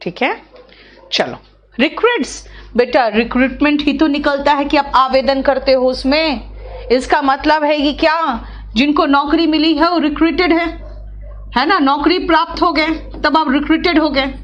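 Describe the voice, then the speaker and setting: A woman's voice: sits high, fairly even intonation, a little slow, highs cut off. A middle-aged woman, teaching vocabulary in an online class and coaxing her students step by step. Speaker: English teacher.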